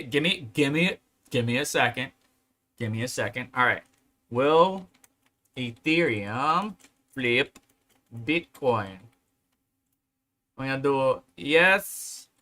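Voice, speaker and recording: A man's voice: mid-range voice, sharp tone. A man hosting a casual livestream, reading articles and chat aloud and rambling in asides. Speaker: crypto livestream host.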